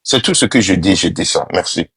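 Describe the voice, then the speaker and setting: A man's voice: sits low, expressive, fairly quick, fairly bright tone, slightly rough. A man on a TikTok live panel, indignant and accusatory, giving a heated rant at his critics.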